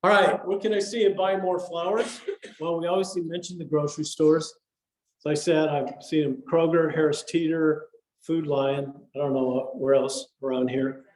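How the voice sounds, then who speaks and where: An older man gives an easygoing talk at a garden club meeting. His voice sits a little high, and his delivery is chatty, with repeated words and frequent "okay"s. The recording carries the echo of a meeting room. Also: fairly even intonation, normal speed, darkish tone. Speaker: orchid society speaker. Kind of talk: casual slide lecture. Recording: echoey room.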